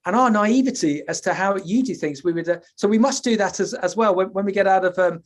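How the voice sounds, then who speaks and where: High-voiced British man, halting speech. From United Kingdom. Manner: hesitant, halting, earnest. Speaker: podcast guest, school presenter. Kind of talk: casual chat.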